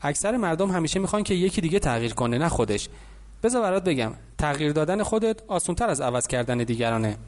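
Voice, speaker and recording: A man voicing a wealthy, confident older mentor who lectures calmly in an audiobook. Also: fairly high pitch. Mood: lecturing.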